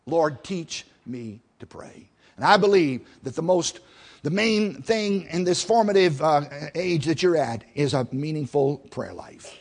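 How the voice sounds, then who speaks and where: A man preaching a sermon in a folksy way, building to loud emphatic peaks and falling back soft. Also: a little high, animated, measured pace.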